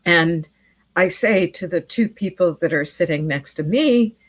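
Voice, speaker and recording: Middle-aged woman guest, low and slow-paced, earnest storyteller, dry close mic. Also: expressive, no room sound. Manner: earnest, repeats words while telling a story. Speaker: interview guest, midwife. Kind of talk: storytelling in a podcast interview.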